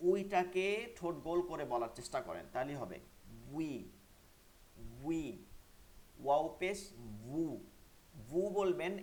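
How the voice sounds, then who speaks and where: A man teaching an online Quran pronunciation class, explaining sounds and repeating them slowly for learners to copy. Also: fairly high pitch, a little mellow.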